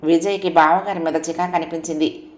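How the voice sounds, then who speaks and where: A woman narrating a novel as a storyteller, reading in a steady, even way. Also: deep voice, a little fast, echoey room.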